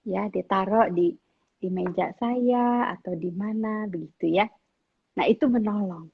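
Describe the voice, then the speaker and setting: A middle-aged woman, a guest speaker on parenting, gives casual advice to teenagers, telling animated stories and acting out what her family members say. Her mid-range voice is gravelly with a breathy edge, moving at a measured pace, and the audio sounds narrow and tinny.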